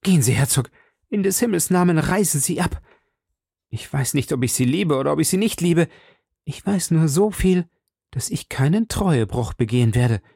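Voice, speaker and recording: A man's voice: fairly high pitch, animated, moderate pace, gravelly, dark tone, husky, no room sound, clean studio sound, pitched above the performer's own voice, full character voice. Man voicing a pleading, frightened queen. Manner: raised, imploring, breathless exclamations. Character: anxious pleading woman, a queen.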